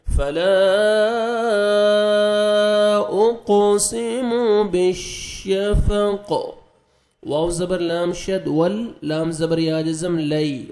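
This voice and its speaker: A man teaching Quran recitation, spelling out letters with their vowel marks slowly, then explaining rules quickly, and chanting verses in long drawn-out tones. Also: fairly high pitch, dark tone, reverberant. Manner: draws out recited words in slow chant.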